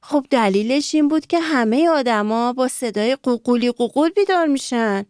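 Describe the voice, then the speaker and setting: A woman's voice: fairly high pitch, animated, darkish tone, smooth, no room sound, clean studio sound. A woman telling a bedtime story to children, engaging them with questions. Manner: engaging, asks listeners questions.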